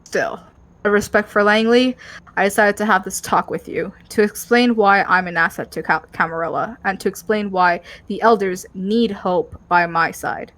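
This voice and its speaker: Game vampire woman, played by a woman: guarded, hard-edged, measured and cautioning. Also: medium pitch, a bit bright, close to an everyday voice. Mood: polite, aggrieved.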